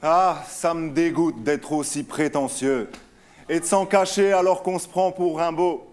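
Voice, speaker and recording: Sneering high-voiced young battle rapper. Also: male voice, fairly even intonation, a little slow, darkish tone. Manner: mocking, sneering delivery. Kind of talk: a cappella rap battle verses.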